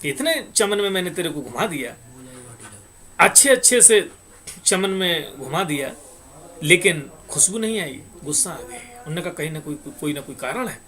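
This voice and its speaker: Here the storyteller sounds a little high and sharp, his intonation lively and his pace moderate. He relates a moral parable, sings verses within it, and spells out the lesson in plain terms while addressing listeners directly.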